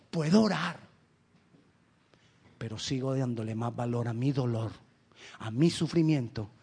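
Male pastor, higher-pitched voice, emphatic sermon delivery with rhetorical questions. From Colombia. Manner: animated storytelling with quick asides.

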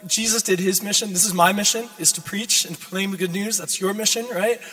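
A young man from Minnesota preaching a sermon in a hoarse voice, earnest and exhorting, with informal check-ins. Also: sits high, steady tone, a little fast, bright, forceful tone. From United States, Minnesota. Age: young adult. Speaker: guest preacher. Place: large church sanctuary, speaking to a congregation. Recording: reverberant church sanctuary.

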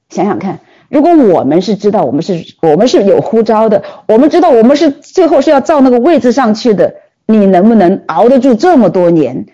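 Husky-voiced woman preaching a lively sermon. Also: mid-range voice, dull audio. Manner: animated storytelling with many rhetorical questions.

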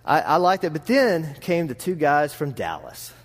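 A man from Texas with a slightly high voice and a rural drawl preaches at a normal speed, very animated. He rambles through a folksy, self-deprecating sermon packed with anecdotes, addressing a congregation in a large reverberant room that gives the recording a hall-like echo.

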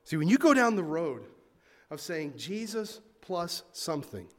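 A man as a pastor preaching a sermon in a lively, conversational way, with asides to the congregation. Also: on the high side, a little slow.

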